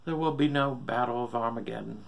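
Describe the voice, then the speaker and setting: A man's voice: medium pitch, brisk, creaky, a little hiss or hum, natural voice. A man voicing a sick old father gone mad with doom, preaching bitterly and profanely in a horror story reading. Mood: bitter, ominous.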